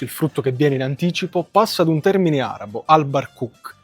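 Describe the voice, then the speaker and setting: A man with a Neapolitan Italian accent presenting an educational story in an expressive, emphatic way. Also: on the high side, husky, no room sound. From Naples area, Italy. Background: music.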